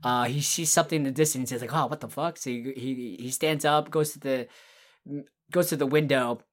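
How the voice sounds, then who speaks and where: A woman's voice: very deep voice, fairly even intonation, moderate pace. A woman co-hosting a casual podcast, retelling scenes at length with lots of fillers and restarts. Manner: rambling, enthusiastic retelling with many fillers and restarts. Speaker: podcast co-host. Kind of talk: casual podcast chat about horror films.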